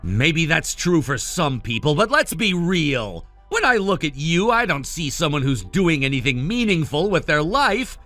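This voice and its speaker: A man performs an arrogant young brother in a dramatized family story. His bright, fairly high male voice swings widely in pitch as he cuts people down with dismissive contempt. Music plays underneath. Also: sing-song, unhurried, few pauses, dry recording, full character voice. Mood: scornful. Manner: condescending, cutting, dismissive.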